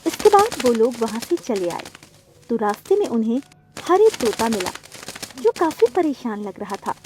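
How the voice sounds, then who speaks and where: A woman narrating a children's cartoon story in a steady storytelling way. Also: fairly high pitch, moderate pace, a little hiss or hum.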